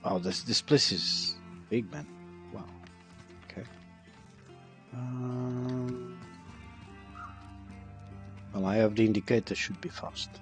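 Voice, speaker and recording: A man's voice: medium pitch, slow, long pauses, fairly bright tone, faint music behind. A man streaming a game, chatting casually and reading the game's text aloud. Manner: casual, musing, reads dialogue aloud.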